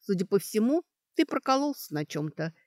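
A woman reading an audiobook, voicing a sharp-witted young girl student who talks in a brisk, mocking way as she reasons things out. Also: mid-range voice, big pitch swings, no room sound, studio quality, voice pushed up, natural voice.

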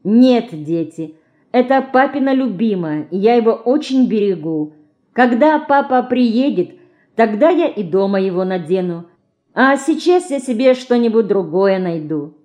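A woman voicing a modest, gentle mother who frets over her children in an audiobook. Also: fairly high pitch, animated, unhurried, pitched above the performer's own voice.

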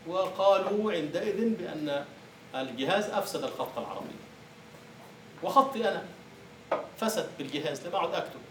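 A man's voice: high-pitched, lively intonation, brisk, long pauses, noisy background. A male university lecturer teaching a class, explaining by asking the students questions and answering them himself. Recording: echoey room from far off.

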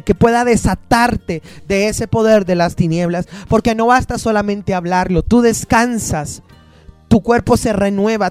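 A man's voice: sits high, darkish tone, no room sound. A man pastor preaching a sermon with emphatic repetition, quoting scripture and acting out the pleas of his congregants.

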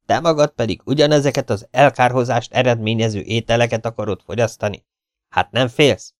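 A man voicing an excitable, easily frightened male camp master who pleads in a high, shrill voice. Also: no echo, clean studio sound, natural voice. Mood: alarmed.

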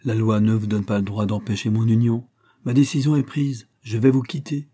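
A male narrator speaks as a proud young heiress with a firm, cool resolve. His voice stays mellow and fairly low even as he lifts it a little for her. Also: moderate pace, close to an everyday voice. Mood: resolute. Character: proud, strong-willed young heiress, woman.

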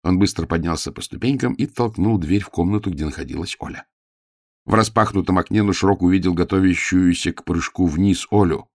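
A man reading a story aloud in a dramatic, lively way. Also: sits low, fairly quick, no room sound, studio quality. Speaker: audiobook narrator. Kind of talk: expressive storybook narration.

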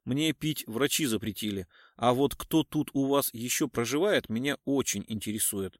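A man voicing a calm, commanding male police colonel who speaks low and terse. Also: normal speed, no echo, studio quality, close to an everyday voice. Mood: stern.

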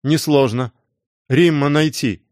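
A man voicing a halting teenage boy. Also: a little high, a little mellow, no echo, studio quality. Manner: halting, telegraphic short phrases.

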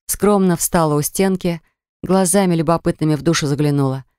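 A narrator reading a story aloud in an ironic, lively storytelling manner. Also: medium pitch, fairly quick, clean tone, no echo, clean studio sound. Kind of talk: audiobook narration.

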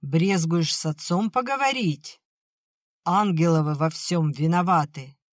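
A drunken, bitter old peasant father, as the audiobook narrator puts him on, dragging his words out slowly and loudly in a dry, close recording. He rails and mutters with a heavy, slurred weight on every phrase. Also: mid-range voice, no echo, close to an everyday voice. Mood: drunk, angry. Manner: shouting then maudlin, slurred. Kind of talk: audiobook acting.

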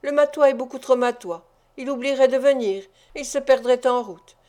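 A woman's voice: sits high, normal speed, mellow, lightly acted. Grumbling, menacing invalid thief, bitter and demanding, as a woman reads him in a storybook. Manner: growling, bitter.

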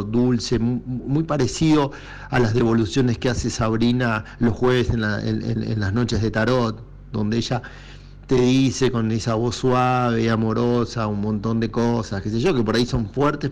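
Gravelly Argentine man, encouraging. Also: mid-range voice, fairly even intonation, moderate pace, slight background noise. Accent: Argentine Rioplatense Spanish. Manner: warm, encouraging, speaks directly to listeners. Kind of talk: casual reflective monologue.

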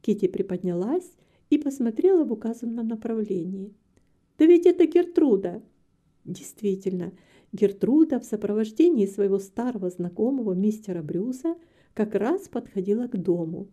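A woman narrating an audiobook novel in a calm, even storytelling manner. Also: mid-range voice, normal speed. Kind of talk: scripted narration.

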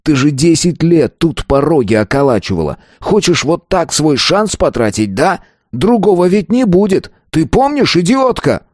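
Guy playing a short-tempered cocky young guy, gruff and scornful, lowish voice. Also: unhurried, darkish tone, dry recording, clean studio sound. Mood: furious. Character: arrogant brutal young man, short-tempered.

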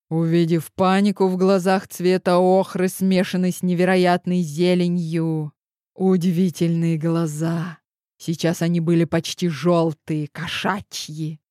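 A male narrator reads an audiobook in the first person, slow and measured with a dramatic edge. His voice is smooth and clear, dry and close to the mic. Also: fairly high pitch, a little mellow, dry recording.

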